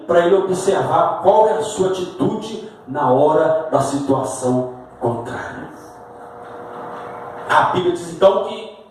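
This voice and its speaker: Man, Brazilian Portuguese accent, very high voice, impassioned sermon, booming church echo, distant mic. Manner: impassioned preaching, rising to shouts. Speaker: pastor. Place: church sanctuary. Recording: echoey church from far off with faint ambient noise.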